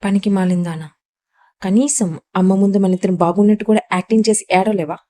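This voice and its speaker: A woman's voice: medium pitch, brisk, warm tone, close to an everyday voice. A woman doing a cruel, sneering young husband. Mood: menacing. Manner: mocking, through gritted teeth.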